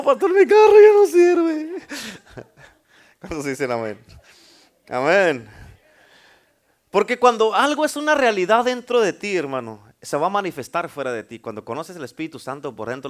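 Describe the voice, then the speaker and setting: A male pastor preaching a sermon, mixing folksy humorous stories with fervent exhortation that builds to loud calls. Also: a little high. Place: church.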